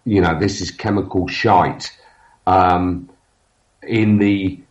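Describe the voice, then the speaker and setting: On a casual podcast, a man who has a cold speaks low with fairly even intonation. He halts often, filling gaps and restarting, and keeps losing his train of thought, all captured in dull lo-fi audio.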